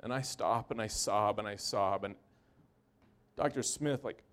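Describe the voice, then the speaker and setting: A man who works in an emergency room gives a personal storytelling talk, earnest and halting, with short repeated phrases. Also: fairly low pitch, a bit bright. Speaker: emergency room medical worker.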